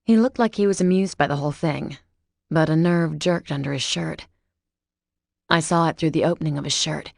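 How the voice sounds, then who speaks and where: A woman reading a first-person romance audiobook in a steady, measured way. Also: deep voice, gravelly, no echo, studio quality. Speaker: audiobook narrator.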